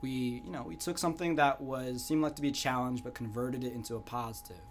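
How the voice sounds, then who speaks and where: A young American man answering interview questions in an earnest, reflective way, often pausing with "you know". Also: mid-range voice, steady tone, slight background noise. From United States. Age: young adult. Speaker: guest entrepreneur.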